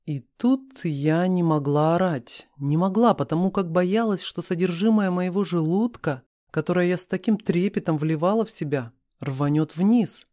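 A man reading a novel aloud as an audiobook narrator, with an expressive delivery. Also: high-pitched, normal speed, hardly any pauses, dry recording, studio quality.

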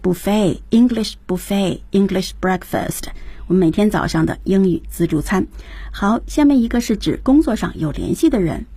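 A woman's voice: mid-range voice, lively intonation, normal speed, dark tone, breathy edge, no room sound. A woman co-hosting a radio English lesson, introducing each new word and repeating the teacher's points. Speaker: radio co-host. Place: radio studio.

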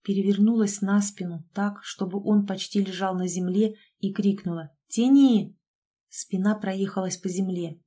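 Dark-toned woman reading a wry audiobook. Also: medium pitch, little pitch movement, moderate pace, few pauses. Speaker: audiobook narrator. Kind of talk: first-person audiobook narration.

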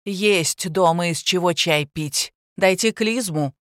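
Woman playing a loud crude shopper woman. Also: on the low side, takes it slowly, no echo, studio quality. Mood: indignant. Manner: rude, shouting, rustic speech.

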